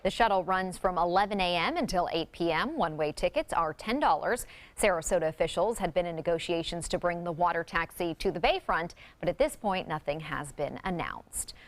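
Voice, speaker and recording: A woman anchors a newscast with a slightly low voice. She reads scripted stories in broadcast news style. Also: expressive, a little fast.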